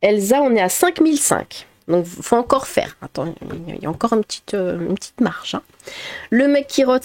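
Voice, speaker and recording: A woman's voice: mid-range voice, darkish tone, no room sound. A woman YouTuber reading viewer comments aloud in casual chat, laughing often and swearing in chatty asides.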